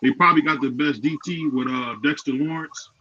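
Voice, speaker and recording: A man on a call whose voice comes through dull and underwater-sounding, with faint noise beneath it. He talks in a relaxed, joking way and lets his thoughts trail off. The line is lo-fi and muffled throughout. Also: on the high side, a little fast. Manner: laid-back, joking, trailing off mid-thought. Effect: muffled, underwater-sounding mic. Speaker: panelist calling in. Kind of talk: casual sports-betting chat. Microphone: headset earphones on a call.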